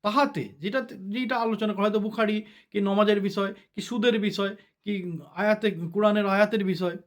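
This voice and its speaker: A man's voice: high-pitched, fairly even intonation, normal speed. A man giving a sermon-style religious talk, explaining step by step and often checking with the listeners. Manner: explains step by step, asks the listeners "ঠিক আছে?". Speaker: religious speaker.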